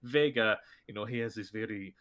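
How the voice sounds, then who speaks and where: Here a man, a voice actor guesting on a podcast, drifts loosely from story to story with lots of filler words. His low-ish voice moves briskly and carries a fairly bright tone.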